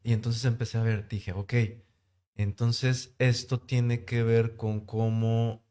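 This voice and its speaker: A man, a podcast guest, talking in a relaxed, reflective way. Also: medium pitch, slow pace. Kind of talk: casual podcast conversation.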